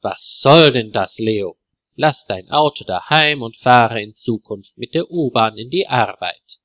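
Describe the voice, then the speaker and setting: Give me a scolding wife, voiced by a man, slow and deliberate. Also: medium pitch, lively intonation, fairly bright tone, dry recording, studio quality. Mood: angry. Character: angry young wife.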